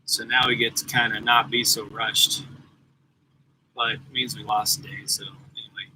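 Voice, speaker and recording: A man's voice: mid-range voice, little pitch movement, normal speed, sharp tone, slight background noise, low-quality recording. A man in his forties, a truck driver chatting casually and rambling to viewers on a live stream from his parked truck at the yard. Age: 40s. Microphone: laptop mic.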